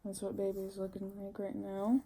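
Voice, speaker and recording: A woman's voice: mid-range voice, monotone, normal speed, mellow. A young pregnant woman giving a casual vlog update, candid and chatty, full of "like" fillers, sounding tired. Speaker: vlogger.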